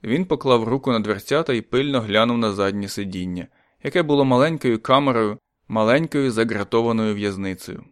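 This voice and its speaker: A calm male narrator reading a story aloud in a measured, even storytelling voice. His pitch sits in the middle range, and the recording is close and dry with no room sound. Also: no room sound. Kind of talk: scripted audiobook narration.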